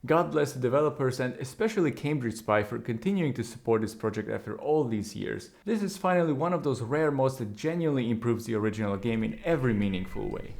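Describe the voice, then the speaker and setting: Gravelly-voiced male game reviewer. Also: mid-range voice, lively intonation, fast talker, few pauses, darkish tone, slight background noise. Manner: opinionated, wry asides. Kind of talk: scripted video review narration.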